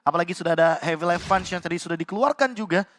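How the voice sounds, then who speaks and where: A man's voice: high-pitched, rapid-fire, a bit bright, slight background noise. A man giving analytical esports commentary as a co-caster.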